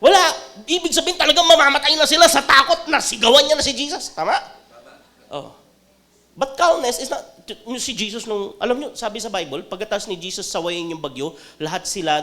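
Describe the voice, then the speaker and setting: A man preaching a sermon as a pastor, with a Filipino accent, joking one moment, loud the next, then dropping to quiet earnest talk. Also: sits high, a little fast. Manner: animated, jokey preaching that swings between loud outbursts and quiet talk.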